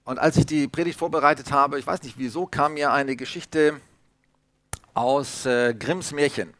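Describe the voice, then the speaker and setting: A man's voice: medium pitch, fairly even intonation, normal speed, fairly bright tone. A man from Hamburg, preaching a chatty, story-filled sermon with many asides and fillers. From Hamburg, Germany. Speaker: pastor.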